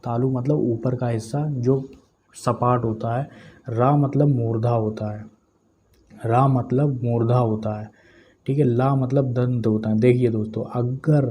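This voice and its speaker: A man's voice: medium pitch, steady tone, a little slow, mellow, slight background noise. A male teacher giving an exam-prep grammar lesson. He explains step by step, repeats terms and drills syllables aloud. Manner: explains step by step, often adds "okay friends".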